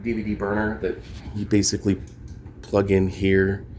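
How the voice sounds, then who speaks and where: A vlogger and amateur songwriter rambles casually to camera while showing off his gear, tossing in slangy, sweary asides. His voice is lowish, monotone and a little mellow at normal speed, with a slight hiss or hum on the recording.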